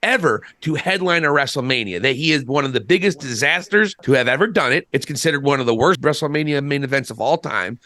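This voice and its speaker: A man's voice: medium pitch, animated, quick pace, hardly any pauses, pushed and bright. A man co-hosting a podcast, giving casual, opinionated wrestling commentary in a blunt, emphatic way.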